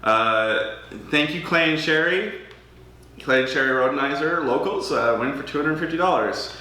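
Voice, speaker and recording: Speaking at a moderate pace with a sharp voice on the high side, this young Albertan runs a livestreamed charity auction from a very echoey room. He chats away, pokes fun at himself, and hesitates with frequent ums.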